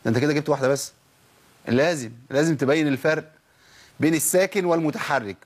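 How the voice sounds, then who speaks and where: A husky-voiced man with an Egyptian accent teaches Quran recitation at a quick clip. He fires questions at his listeners, answers them himself, and repeats letters and words to show how they should sound. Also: fairly high pitch. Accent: Egyptian Arabic. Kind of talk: tajweed lesson with spoken demonstrations.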